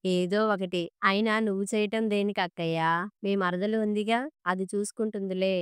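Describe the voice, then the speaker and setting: Impatient middle-aged husband, read by a woman, curt replies, very clear voice, dry sound. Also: mid-range voice, steady tone, normal speed, dry recording, natural voice. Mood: irritated. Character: irritable middle-aged husband, fed up with nagging.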